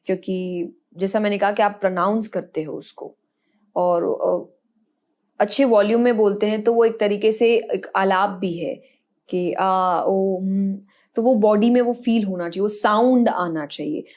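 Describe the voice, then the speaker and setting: Young woman guest, spiritual speaker; calm, earnest explainer, mid pitch. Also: normal speed. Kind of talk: podcast interview answers.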